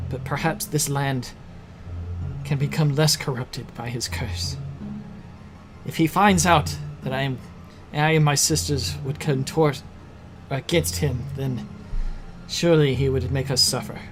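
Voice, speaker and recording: A man voicing a solemn, wary old hag in a tabletop game, speaking in formal, measured phrases. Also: medium pitch, over music, close to an everyday voice. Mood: wistful, grave.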